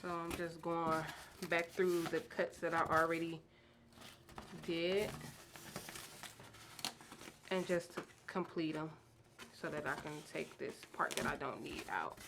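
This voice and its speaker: A woman casually explaining a craft project step by step, chatty and excited about her materials. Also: low-pitched, slow pace, long pauses, background noise. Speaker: craft tutorial host. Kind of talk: casual DIY how-to narration.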